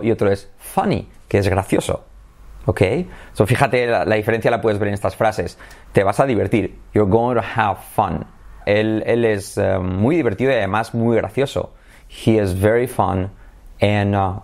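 A man's voice: medium pitch, a little mellow. A man teaching English to Spanish speakers in a video lesson, switching between Spanish explanations and English example sentences.

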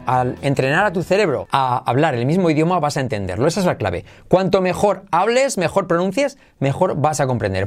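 A man hosting an energetic English lesson, repeating phrases slowly for learners. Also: on the high side. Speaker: English teacher, channel host. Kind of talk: energetic online language lesson.

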